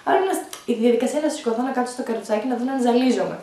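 A young woman vlogger telling the story of her childbirth, animated and laughing often as she talks. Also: on the high side. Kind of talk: storytime vlog, recounting childbirth. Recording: echoey room, voice from a distance.

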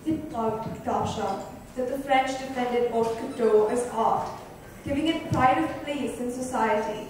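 A woman with a high, slightly mellow voice reads literary prose unhurriedly in a dramatic book reading at an indoor club lounge. Picked up by a distant microphone, her voice rings through a very echoey room with faint background noise.

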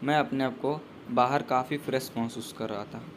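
A man's voice: medium pitch, steady tone, moderate pace, background noise. A young man narrating his train journey as a voice-over, in a casual, loosely worded way with restarts. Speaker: travel vlogger.

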